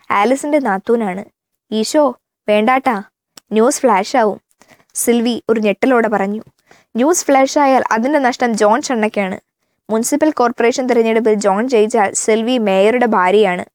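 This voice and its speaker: A woman reads a novel aloud in a steady, even storytelling manner, moving through the quoted dialogue without stopping. Her voice sits a little high. The recording is close and dry, with no room sound. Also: no echo. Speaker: narrator. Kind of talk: audiobook narration of a novel.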